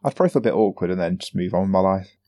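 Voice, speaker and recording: A man's voice: sits low, very fast, mellow. A man in his thirties, co-hosting a casual games podcast and explaining a game at length. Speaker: podcast co-host.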